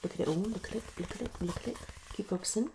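Speaking very fast in a mid-range voice, a woman around her thirties acts out an ASMR psychologist roleplay, moving between whispers and speech while muttering and repeating herself. The roleplay is fast and unpredictable, recorded indoors in a small living room with background noise.

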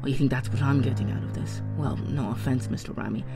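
A cold and smug male villain mastermind, voiced by a woman, lays out his plans in a slow, breathy whisper. The voice sits low and hushed, heavy with menace, over a bed of clear background music. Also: fairly even intonation. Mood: gloating. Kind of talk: amateur film voice acting.

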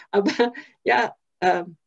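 A woman's voice: a little high, very animated, drawn-out words, gravelly. Woman, older, Austrian accent, reflective guest, slightly muffled video call audio. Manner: reflective, hesitant with many fillers and restarts. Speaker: interview guest, social worker. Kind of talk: conversational interview.

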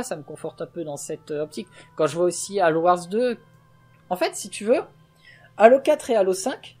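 A man's voice: sits high, darkish tone. A man hosting a let's play, talking in casual gaming chat, passionate and opinionated, going off on a rant.

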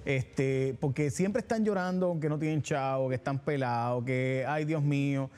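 A man's voice: mid-range voice, normal speed, a little mellow. A man with a Puerto Rican accent hosting a TV talk show, teasing his guest in a joking, sarcastic, colloquial way. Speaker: TV show host.

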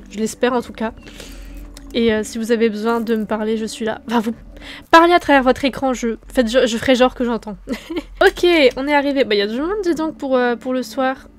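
Calm chatty young Frenchwoman gaming. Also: a little high. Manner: calm, relaxed, chatty with many fillers. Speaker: gaming youtuber. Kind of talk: casual gameplay commentary.

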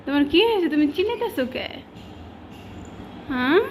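High-pitched woman cooing at her cats. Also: lively intonation, brisk, noisy background. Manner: cooing, coaxing, repeating questions. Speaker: cat owner. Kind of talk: baby talk to pet cats.

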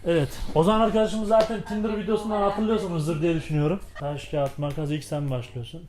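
A man hosting a vlog, bantering casually in slang with a boisterous, loud manner. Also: on the high side, fairly even intonation, fast talker. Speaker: vlog host.

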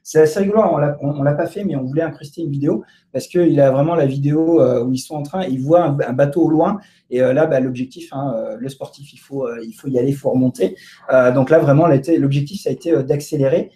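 Mellow-voiced man presenting, hesitant. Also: medium pitch, fast talker. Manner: hesitant, many fillers and restarts. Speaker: presenter at a data meetup. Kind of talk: live casual presentation. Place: co-working space in front of an audience.

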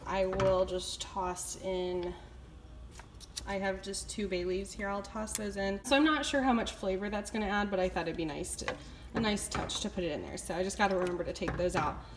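A young woman chatting casually as she cooks dinner in her home kitchen, with lots of fillers while she thinks aloud. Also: medium pitch. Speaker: cooking vlogger. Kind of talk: casual cook-along narration. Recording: loud kitchen noise behind.

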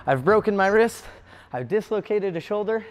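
High-voiced young man, earnest audition. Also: expressive, moderate pace. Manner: earnest and determined. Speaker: ninja obstacle competitor and coach. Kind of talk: audition tape monologue.

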